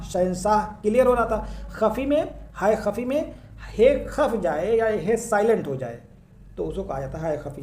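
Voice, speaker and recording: A man's voice: sits high, darkish tone, slight background noise. A man teaching an exam-prep grammar lesson, explaining step by step, asking and answering his own questions and often checking that students follow. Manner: repeats key terms and checks understanding.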